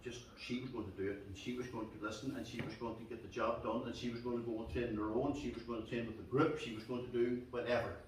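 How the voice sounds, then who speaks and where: A man's voice: mid-range voice, fairly even intonation, fast, few pauses. A man pays tribute at a club reception, heaping up repeated words as emotion builds in his voice. He is heard from well back in a strongly echoing room, with a faint hum of noise behind him. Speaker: club official giving a speech. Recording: echoey room, distant mic, faint noise.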